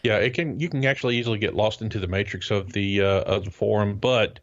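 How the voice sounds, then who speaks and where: A man co-hosts a relaxed podcast, answering questions with dry, teasing humor. His voice sits low, and the recording is close and dry with no room echo. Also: fast talker, muffled recording. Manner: dry, teasing, sarcastic asides. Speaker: podcast co-host. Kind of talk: casual podcast chat.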